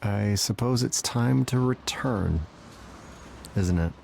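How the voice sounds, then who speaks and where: A man's voice: on the low side, slow pace, gravelly, darkish tone, a little hiss or hum. A man playing a brooding, melodramatic dead musician of Greek myth in a video game, theatrical and self-pitying. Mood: incredulous.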